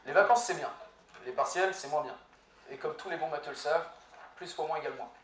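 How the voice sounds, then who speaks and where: A young man, a law student, giving a prepared humorous speech in an eloquence contest, with deadpan, ironic punchlines. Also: fairly high pitch, fairly quick. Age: young adult. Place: university lecture hall with audience. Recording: echoey hall, far from mic, faint noise.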